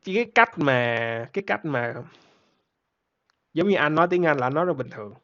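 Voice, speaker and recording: A laid-back man, chatting casually on a podcast in a gravelly voice with a bit of vocal fry. He rambles easily and laughs often. The recording sounds somewhat dull and lo-fi. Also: on the high side, lively intonation, brisk, bright, forceful tone. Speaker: podcast host. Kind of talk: casual chat.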